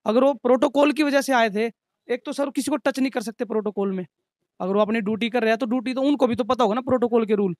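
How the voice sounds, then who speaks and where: Man, young adult, high-pitched, earnest, aggrieved, dry. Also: fast, a little mellow, no room sound. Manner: earnest, aggrieved, recounting in detail. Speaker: restaurant manager. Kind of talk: interview testimony.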